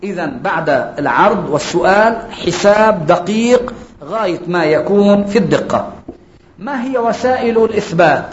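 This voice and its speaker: A man preaching a sermon, explaining each point and slowing down for quotations. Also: sits high, animated, slight background noise. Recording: echoey dull lo-fi recording.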